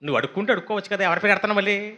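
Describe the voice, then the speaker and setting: A man preaching a sermon as a pastor, animated, with mocking asides and quoted voices. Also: high voice, rapid-fire.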